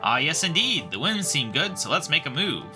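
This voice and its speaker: A man's voice: fairly high pitch, very animated, moderate pace, music in the background. A man voicing a pompous, formal sea captain in a game playthrough. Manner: stately, formal.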